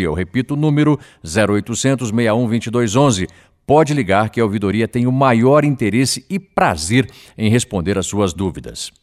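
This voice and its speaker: A man hosting a radio program, presenting callers and reading out a phone number in a measured announcer delivery. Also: fairly low pitch.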